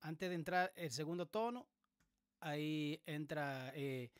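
Relaxed man explaining a beat. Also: a little high, slow pace, clear, resonant tone, no echo, studio quality. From Dominican Republic. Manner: relaxed, explanatory, many hesitations. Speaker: music production tutorial host. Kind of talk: casual screen-recorded tutorial. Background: beat playing in the background.

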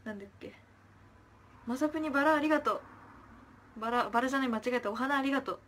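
A woman's voice: high-pitched, fast talker. Chirpy young woman chatting on a livestream. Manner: chirpy thanks, trailing off into soft murmurs. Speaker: idol livestreamer. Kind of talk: casual livestream chat, reading viewer comments.

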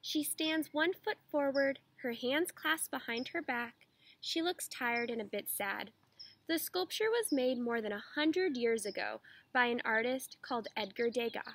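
A woman teacher reading a children's picture book aloud in a clear, expressive way. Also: fairly high pitch, measured pace.

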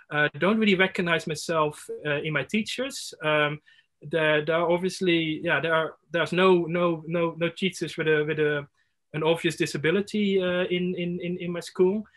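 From a room in his home fitted with window blinds, a thirtysomething man takes part in an online workshop over a laptop video call. His voice is on the high side and a bit bright, and his reflection comes out haltingly, with lots of fillers and false starts.

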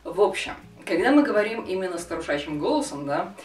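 A woman's voice: on the low side, expressive, quick pace, darkish tone. A young adult woman giving a casual, improvised tutorial, rambling and giggly as she hosts. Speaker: video host, cosplayer teaching voices. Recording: roomy, distant microphone.

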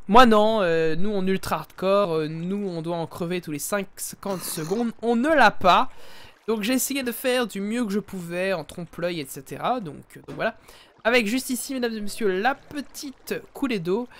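A man giving live, chatty commentary while playing a game, talking into a headset and often addressing his viewers as ladies and gentlemen. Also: high-pitched. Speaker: let's play streamer.

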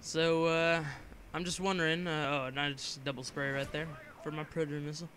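A young man talks over his gameplay in a bright, slightly raised voice, rambling and joking with frequent fillers. He has a lingering cough. A faint hiss sits under the recording. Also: on the high side, flat delivery, brisk. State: coughing from a cold. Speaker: gameplay commentator. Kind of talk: casual game commentary voice-over.

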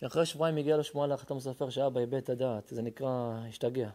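A rabbi with an Israeli accent giving a dramatic sermon, telling stories and swinging from hushed tones to shouting. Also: male voice, mid-range voice, little pitch movement. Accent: Israeli Hebrew. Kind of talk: sermon with storytelling. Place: synagogue or lecture hall.

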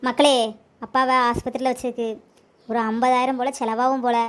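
Woman playing a fretful older cartoon mom, high and caring. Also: little pitch movement, brisk, close to an everyday voice. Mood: worried. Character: older mother, worried, caring. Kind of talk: cartoon voice acting.

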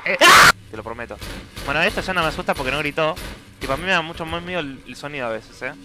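A man's voice: a little high, racing, raised voice, heavy background noise. A young man with an Argentine accent commentating a horror game as a streamer, jumpy, screaming and swearing often while joking around. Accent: Argentine Spanish. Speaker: gaming streamer.

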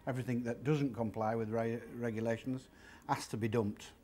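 A medium-pitched, dark voice with fairly even intonation and normal speed belongs to a secondhand warehouse owner in his fifties, recorded with a little hiss or hum. During an interview in his large indoor furniture warehouse, he shows off old items and talks plainly through their prices, step by step, in a chatty way.

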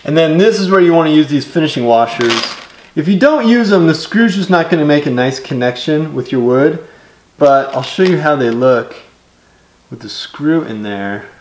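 A man's voice: fairly high pitch, moderate pace. Casual DIY man in an echoey garage. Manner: relaxed, step-by-step explaining with casual fillers. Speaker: DIY builder. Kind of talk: casual how-to instruction. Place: home woodworking garage workshop. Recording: echoey workshop with clear background noise.

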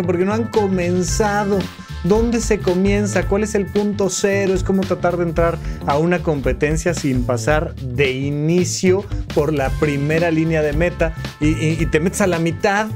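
Earnest man. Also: high voice. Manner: earnest, repeats phrases for emphasis, speaks straight to the listener. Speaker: podcast host giving mental health advice. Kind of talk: reflective solo podcast talk.

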